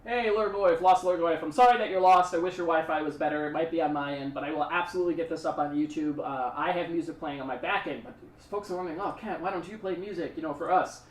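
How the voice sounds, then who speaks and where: A man's voice: fairly high pitch, quick pace, hardly any pauses, echoey room, recorded from a distance, slight background noise. A man streaming a card game, talking through his plays in a rambling, chatty way and thanking subscribers. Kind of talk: casual live-stream commentary.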